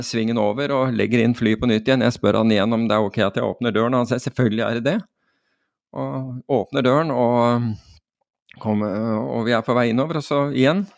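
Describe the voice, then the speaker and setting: Gravelly Norwegian man telling a story. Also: medium pitch, dry recording, clean studio sound. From Norway. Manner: animated, many restarts and fillers. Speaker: podcast guest telling a skydiving story. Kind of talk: casual storytelling.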